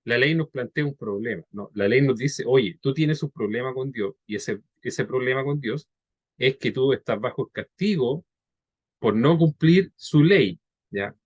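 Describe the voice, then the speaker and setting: A male preacher giving a conversational teaching sermon, checking in with his listeners by often asking "¿ya?" and "¿verdad?", and reading scripture slowly. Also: mid-range voice, expressive, breathy edge, no echo, lo-fi sound. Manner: reads scripture slowly and deliberately.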